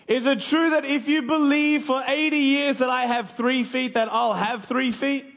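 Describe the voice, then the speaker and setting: An evangelist speaker in his twenties with an Australian accent preaches a joking, motivational sermon to a live audience, prompting them to respond. His voice is extremely high and fairly bright, and a long hall reverb trails after it.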